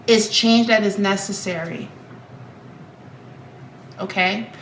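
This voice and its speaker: This tarot reader, not quite over a cold, talks directly to viewers from a home room with emphatic repetition. Her medium-pitched voice is steady and slow, and the poor audio carries a little hiss or hum.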